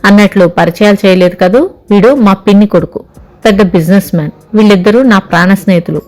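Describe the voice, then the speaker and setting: A woman's voice: mid-range voice, fast, darkish tone, faint music behind, natural voice. A woman voicing a cheerful young bride who orders people around playfully. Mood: bossy. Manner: playfully commanding.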